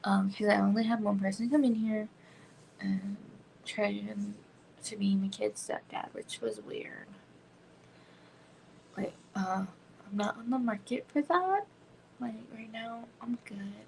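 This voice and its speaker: Woman in her thirties, home livestream host, gravelly voice, rambling chatty delivery full of "like". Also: medium pitch, measured pace, long pauses, a little mellow, a little hiss or hum, rough recording. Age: 30s. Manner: rambling, frequent "like" fillers, drops into whispers. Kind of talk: casual chat.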